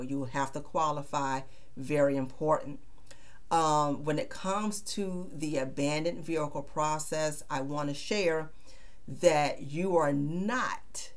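A middle-aged woman at her office desk, explaining vehicle title procedures in a measured way, with frequent "uh" and "you know". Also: deep voice. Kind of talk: explainer video. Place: small office. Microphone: webcam at desk.

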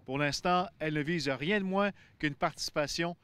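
High-voiced male sports anchor. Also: normal speed, noisy background. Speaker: show host. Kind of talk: scripted news reading.

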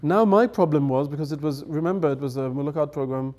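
A fast-talking middle-aged man, a native English speaker appearing as a guest elder, has a fairly high, slightly mellow voice. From a table on a dark-curtained studio set he tells chatty anecdotes, laughing and playing out the lines he quotes.

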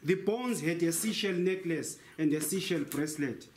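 A young tour guide with a fairly high voice and moderate pace gives a talk inside a large cave, explaining things by posing a question and then answering it himself. He uses a handheld mic, with the camera a few meters away, and the recording is echoey with faint noise.

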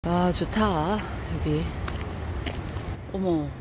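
Her voice is on the low side and a little mellow, with drawn-out words, as she narrates a relaxed vlog touring a campground. She talks freely and exclaims frequently. Phone audio captured outdoors carries clear background noise.

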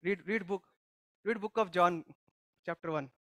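A man's voice: high voice, a little slow, sharp tone, no echo. A male pastor giving a conversational sermon, teaching by putting questions to the congregation and often restarting his sentences. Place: church service.

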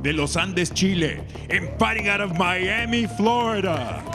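A man working as a ring announcer in a dramatic lucha libre style, switching between two languages in a booming voice and stretching out names. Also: animated, a little slow. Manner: alternates Spanish and English. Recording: loud music behind. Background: music.

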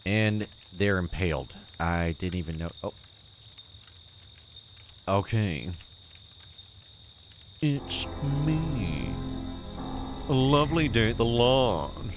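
Low-voiced man streaming a game. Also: lively intonation, takes it slowly, pauses often, over music. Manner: chatty, thanking and talking to chat while playing. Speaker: streamer host. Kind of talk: live gameplay commentary.

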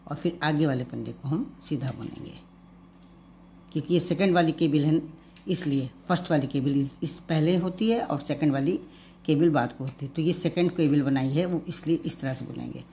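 Low, mellow-voiced woman teaching knitting. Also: slight background noise. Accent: Hindi. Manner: calm, patient, repeats each step slowly. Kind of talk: step-by-step knitting tutorial.

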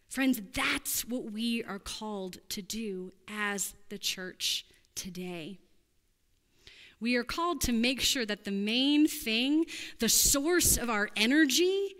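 Woman, pastor, sermon, earnest conversational delivery, higher voice, long sanctuary reverb. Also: a bit bright.

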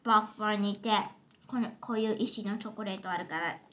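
A woman's voice: mid-range voice, steady tone, quick pace, pushed and bright, dull audio. A young girl casually reviewing candy at a home table, chatty and giggly, now and then slipping into English phrases. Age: child.

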